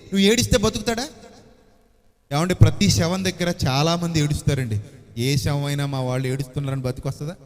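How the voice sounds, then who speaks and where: A man's voice: a little high, brisk. A man preaching a sermon, emphatic, putting rhetorical questions to his listeners and repeating key phrases. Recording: reverberant hall.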